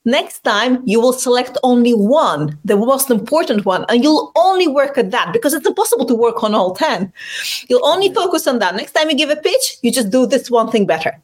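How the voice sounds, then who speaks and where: A woman from Russia, a communication coach, speaking in a casual interview, animated and quick to laugh, sometimes restarting words. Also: on the high side. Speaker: communication coach, podcast guest.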